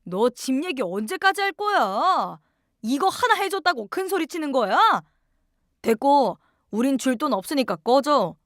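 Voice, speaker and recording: A woman's voice: high-pitched, big pitch swings, unhurried, a bit bright, dry recording, studio quality, voice pushed up, full character voice. A woman voicing a callous, cold-hearted husband who talks bluntly and dismissively.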